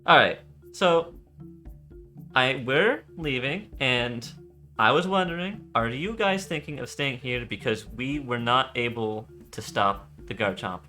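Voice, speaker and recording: Bright-voiced man rambling in character. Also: medium pitch, a little slow, soft background music. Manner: rambling, self-interrupting, excitable bursts. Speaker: player. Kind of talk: casual chat while playing a tabletop game.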